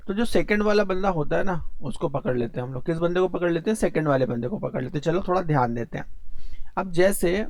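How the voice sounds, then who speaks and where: A man's voice: on the high side, darkish tone, no room sound. A male teacher speaking. He explains grammar in a casual classroom lesson, asking questions and then answering them himself. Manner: mixes Hindi and English, asks and answers his own questions. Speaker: English teacher.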